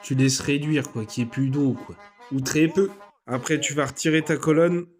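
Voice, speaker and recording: A man's voice: on the high side, steady tone, normal speed. A man talking viewers through a recipe in a casual, punning way, speaking straight to them. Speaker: home cook. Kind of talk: jokey recipe voice-over. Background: soft background music.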